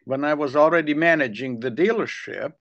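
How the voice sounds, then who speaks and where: A man's voice: a little high, a little fast, gravelly, fairly bright tone, lo-fi sound. An older man with a Hungarian accent, telling long rambling stories in a casual chat. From Ukrainian Soviet Republic. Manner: rambling storyteller, repeats words when restarting.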